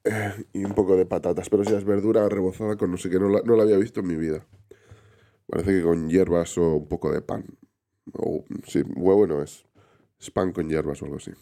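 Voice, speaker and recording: Fairly even in intonation, brisk and mellow, the deep voice belongs to a man reading chat on a casual live stream while he recovers from illness. He greets viewers by name as he rambles, with many restarts.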